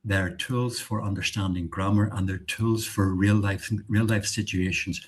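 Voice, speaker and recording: A man with an Irish accent answering casually as a student guest in an interview, thoughtful and halting. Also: on the low side, steady tone, slightly rough.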